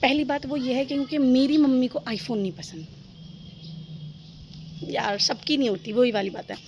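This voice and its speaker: A woman's voice: high voice, moderate pace, highs cut off, slight background noise. A young woman vlogging into her phone camera on a rooftop, chatty and rambling, often giggling. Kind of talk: casual chat to camera. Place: rooftop outdoors.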